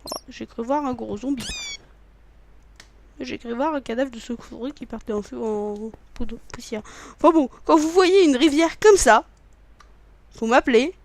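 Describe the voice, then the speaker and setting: A man's voice: very high voice, moderate pace, long pauses. A man giving rambling, joking let's play commentary, punning, swearing casually and talking to himself and his viewers. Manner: swears casually, bursts into loud exclamations. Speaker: gaming video maker.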